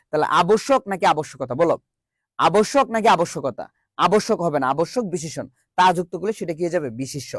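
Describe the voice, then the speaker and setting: The audio is close and dry, without room echo, as a man teaches grammar online in a virtual classroom. His high, rapid voice drives call-and-response drills, and he repeats each question before supplying the answer himself.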